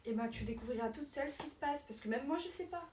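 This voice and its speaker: A woman voicing a meek, patient teenage girl who answers softly and apologetically. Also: high-pitched, expressive, fast talker, reverberant, recorded from a distance. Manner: soft, apologetic, hesitant.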